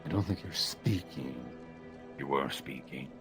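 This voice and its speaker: A man playing a gruff veteran inquisitor soldier in an online roleplay, with his voice run through a voice changer. He talks in a laid-back, dry way. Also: measured pace, music in the background. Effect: voice changer lowering the voice. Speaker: roleplay player. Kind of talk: in-character roleplay chat.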